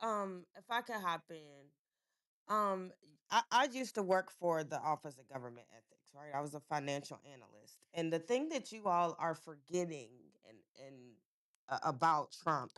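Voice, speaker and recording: A woman's voice: deep voice, lively intonation, normal speed, a bit bright. A woman joining a live debate, speaking hesitantly with fillers. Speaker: debate participant. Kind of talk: casual debate.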